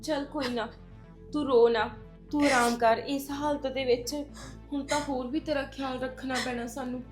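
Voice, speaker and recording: A woman's voice: high-pitched, steady tone, moderate pace, soft background music, natural voice. A woman playing a soothing young daughter-in-law. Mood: consoling. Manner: soothing, consoling.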